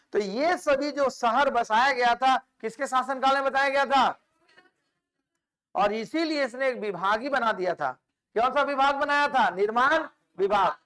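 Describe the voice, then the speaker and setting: A man teaches history for exam preparation in a very high, smooth and resonant voice. He keeps repeating key names and firing questions back at his students. English words slip into his all the time. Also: fairly bright tone. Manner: mixes English words into Hindi. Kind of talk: exam-prep history lecture.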